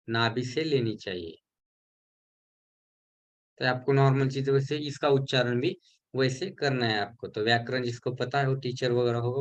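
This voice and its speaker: A man giving a recorded lesson for a healing course, explaining slowly and repeating syllables to show how they are spoken. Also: medium pitch, dull audio. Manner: mixes English terms into his explanations.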